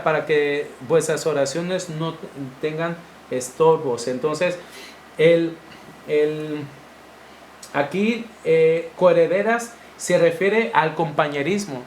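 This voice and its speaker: Mexican male church teacher, lively, acts out voices, slightly high pitch, roomy sound with faint hiss. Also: slow pace. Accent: Mexican Spanish. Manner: animated, acts out voices of wives and husbands. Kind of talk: informal Bible teaching. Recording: echoey room with faint noise.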